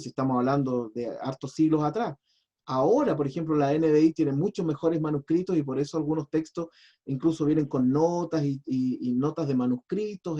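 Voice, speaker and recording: A man's voice: on the high side, dark tone, muffled recording. A man, a pastor teaching a biblical Hebrew class in a patient, chatty, explanatory way. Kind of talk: online class lecture.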